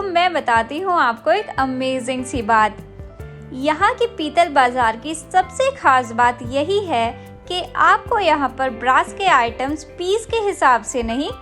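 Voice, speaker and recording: An enthusiastic woman narrates a market-tour vlog in a high, bright voice. She speaks straight to her viewers, and faint music plays under her narration. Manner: enthusiastic, addresses viewers directly. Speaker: travel vlogger.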